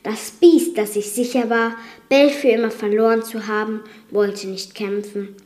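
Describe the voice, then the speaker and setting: A woman reading a fairy tale aloud in a calm, measured way as podcast host. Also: a little high. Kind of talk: slow fairy-tale narration.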